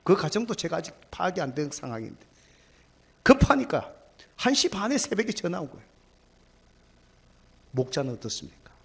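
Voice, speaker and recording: A male pastor delivers a sermon in a husky, slightly high voice. His pitch rises and falls widely, bursting into loud exclamations and then sinking into hushed whispers.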